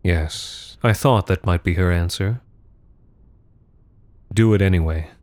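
A man's voice: low voice, takes it slowly, dry recording. A man voicing Kaizen, a cold, menacing older woman. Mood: commanding. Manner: soft, murmured, quietly menacing. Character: commanding sixty-something woman, cold and manipulative.

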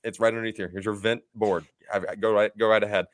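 A man's voice: on the low side, level tone, quick pace. A young man co-hosting a casual sports podcast, rambling upbeat through ad reads and laughing at his own stumbles. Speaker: podcast co-host.

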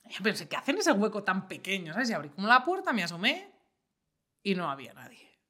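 Bright, lively young woman. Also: mid-range voice, fast talker. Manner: animated storyteller, acts out her own panic. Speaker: podcast host. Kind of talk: casual chat.

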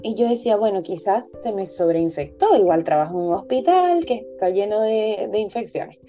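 A young woman with a very dark, mellow voice tells her story as a podcast guest, candidly and with plenty of hesitation. The audio sounds dull and lo-fi, and faint music plays underneath. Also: medium pitch, lively intonation, normal speed. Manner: candid, emotional, many hesitations. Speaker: guest, physician.

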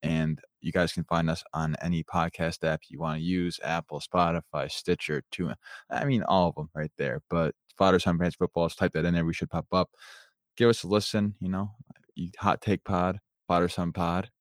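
A man's voice: low-pitched, steady tone, brisk, dry recording, clean studio sound. A man appearing as a guest on a podcast, talking casually in an upbeat, teasing way. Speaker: podcast guest, son of co-host.

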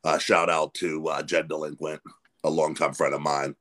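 A man's voice: very deep voice, little pitch movement, moderate pace, fairly bright tone. A man, hosting a podcast in casual, rambling chat full of restarts. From Pennsylvania. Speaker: podcast host.

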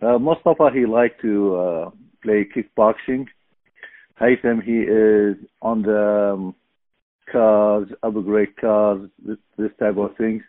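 Middle-aged man, slow and halting, dry phone-line sound. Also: fairly low pitch, fairly even intonation, dry recording. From Iraq. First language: Arabic. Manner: halting, searching for words, many fillers. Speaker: podcast guest. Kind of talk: casual interview.

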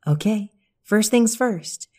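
A woman's voice: medium pitch, lively intonation, slow, warm tone, voice pushed up. A woman voicing a cheeky young girl schnauzer puppy who talks in a teasing, breezy, self-assured way. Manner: teasing, breezy and sure of herself.

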